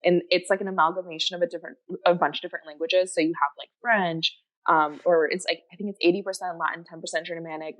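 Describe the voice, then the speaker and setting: A low-voiced woman with a fairly bright tone, whose first language is Japanese, chats eagerly as a podcast guest. She rambles, using lots of fillers and restarts, and the recording quality is low.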